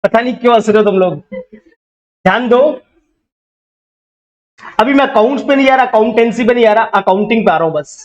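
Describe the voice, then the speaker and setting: Speaking briskly with long pauses, a high-voiced man lectures an accounting class, and the recording has its highs cut off. He drills students over and over and teases them with scolding banter when they don't know.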